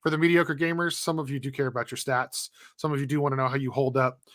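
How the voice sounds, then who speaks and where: A man co-hosting a casual gaming podcast, chatty and animated, who laughs easily while plugging the show. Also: medium pitch, quick pace, no room sound, studio quality. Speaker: podcast co-host.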